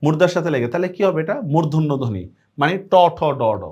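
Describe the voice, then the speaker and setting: A young man teaching an online exam-prep lesson, repeating answers and firing quick check questions at students. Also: on the high side, darkish tone. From Bangladesh.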